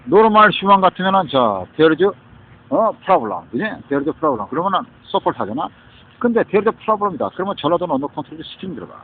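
A man's voice: a little high, sing-song, normal speed, a little hiss or hum. A man giving a rambling monologue, mixing in English words and often tossing in "huh?" and "right?". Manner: mixes English words into speech, keeps asking "huh?" and "right?". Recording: tinny phone-like sound.

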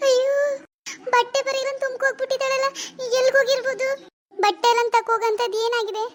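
A woman's voice: very high voice, level tone, quick pace. A woman voicing a young village wife in a cartoon, tearful and pleading as she searches for her missing sister. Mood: anxious, tearful. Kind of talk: cartoon voice acting.

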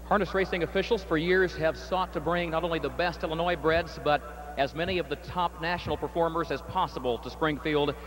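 A high-pitched man calls a harness race outdoors, rattling off horses, owners and positions in a crisp, brisk announcer's delivery. A faint hum of noise sits under the broadcast. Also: low-quality recording. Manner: rapid crisp calling, rising excitement in stretch. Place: outdoor racetrack.

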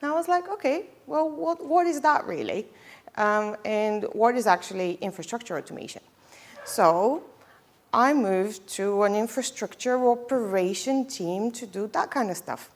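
A woman's voice: on the high side, animated, normal speed. A young woman from Bulgaria giving a conference talk on a headset mic in a lecture hall, chatty and casual, with frequent ums and self-deprecating asides. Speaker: conference speaker. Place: lecture hall with projector screen.

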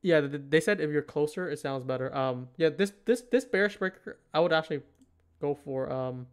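A man's voice: fairly high pitch, animated, brisk, clean tone. A man giving casual live trading commentary, thinking aloud in a hesitant way. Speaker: livestream host, futures trader.

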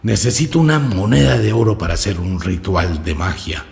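A man's voice: low voice, big pitch swings, moderate pace, darkish tone, exaggerated voice. A man voicing a grumpy, aggressive little old male magician in a told story. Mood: insistent. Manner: gruff, snapping, scatterbrained.

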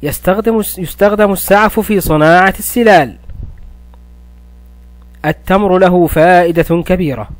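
A man teaching a primary school language lesson, praising the pupils often and slowing down to spell words syllable by syllable. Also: high-pitched, no echo. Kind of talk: recorded classroom lesson.

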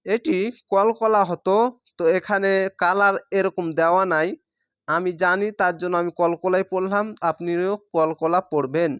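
A man teaching Quran reading, with a Bangladeshi Bengali accent, who spells out each syllable slowly and stretches the vowels. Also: high-pitched, fairly even intonation, a bit bright, smooth, no room sound, clean studio sound. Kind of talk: spelling-out recitation lesson.

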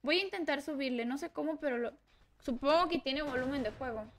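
A woman with a Mexican accent streaming a game live, excitable and swearing as she reacts to the play. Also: high voice, fairly quick, a little hiss or hum. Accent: Mexican Spanish. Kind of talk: live gameplay commentary.

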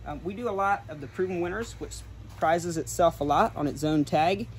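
A young adult man acts as a guide, giving an informal, explanatory tour of large greenhouses and a garden center yard. His voice is a little high at a moderate pace. It was captured on a handheld camera or phone a few steps away, with a rough sound and clear background noise.

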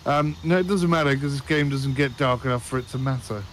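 A chatty man hosting a co-op gaming session over a headset, laughing easily as he talks. His voice has an ordinary middle pitch, with a faint hiss in the background. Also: a little fast. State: slight frog in throat. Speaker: gaming channel host. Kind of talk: casual gaming chat.

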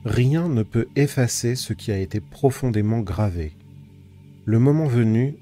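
A man reading an adventure novel aloud as an audiobook, with measured, dramatic storytelling. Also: on the low side. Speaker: audiobook reader. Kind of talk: scripted audiobook narration. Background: soft ambient music.

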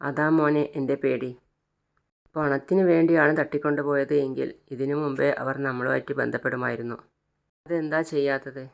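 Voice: medium pitch, steady tone, moderate pace, gravelly, natural voice. A troubled old grandfather, read by a narrator. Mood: fearful.

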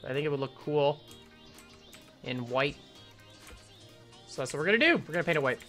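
A game streamer, a young man at his computer in a room at home, gives casual live-stream commentary while he builds, rambling, correcting himself and thinking out loud. His sharp, fairly high voice has lively intonation and normal speed, but it's getting hoarse. Faint music plays in the background.

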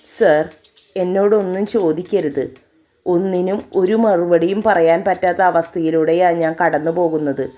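A woman's voice: on the low side, fairly even intonation, moderate pace, dark tone, soft background music, close to an everyday voice. A woman voicing a distressed young woman teacher in a spoken storybook, her voice shaky and strained. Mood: tearful. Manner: shaky, pleading then defiant.

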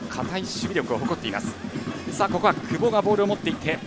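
Male football commentator: excited delivery with swooping pitch, loud music bed. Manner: excited, drawn-out shouts on key plays. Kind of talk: live match commentary.

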